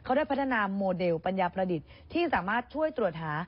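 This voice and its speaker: A woman's voice: mid-range voice, very animated, quick pace, muffled recording. A woman co-hosting a casual news show, chatting and speaking straight to the viewers. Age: adult with a child. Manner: chatty, addresses viewers directly.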